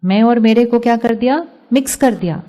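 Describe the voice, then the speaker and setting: A woman's voice: fairly high pitch, normal speed, warm tone. An Indian woman giving a spiritual talk to a live audience, asking them questions and mixing English phrases into her speech. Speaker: spiritual speaker.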